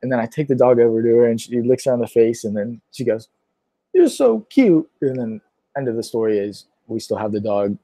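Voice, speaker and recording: A man's voice: mid-range voice, flat delivery, quick pace, hardly any pauses, dark tone, no room sound. A young man from Pennsylvania chatting casually on a livestream, answering viewer questions with lots of fillers and a sore throat. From Pittsburgh, Pennsylvania. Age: young adult. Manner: rambling, many fillers.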